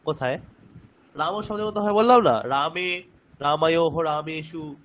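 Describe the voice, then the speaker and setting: A man's voice: fairly high pitch, normal speed, a bit bright, lo-fi sound. A man teaching Sanskrit grammar in an online class, explaining patiently step by step.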